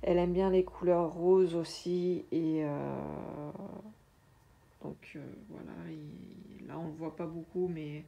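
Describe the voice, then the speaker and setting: A woman chatting casually through a craft unboxing, hesitant with many filler pauses. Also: deep voice, flat delivery, gravelly, muffled recording, a little hiss or hum. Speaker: diamond painting vlogger.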